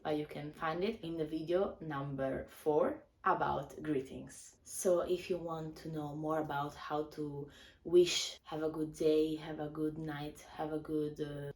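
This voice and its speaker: A woman with an Italian accent teaching a beginner language lesson, saying each word slowly and then repeating it with care. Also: low voice, a little mellow, echoey room, recorded from a distance. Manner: slow, careful repetition of words.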